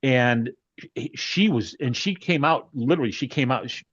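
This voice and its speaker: A man telling a story about his dog in casual conversation, animated and often restarting his sentences. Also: mid-range voice, moderate pace, breathy edge, lo-fi sound. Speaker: dog owner.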